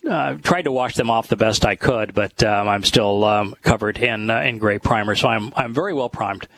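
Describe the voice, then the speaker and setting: A man hosting a talk show with scripture study, speaking in a halting, thoughtful way with many pauses. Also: fairly low pitch, a bit bright, rough recording. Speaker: host.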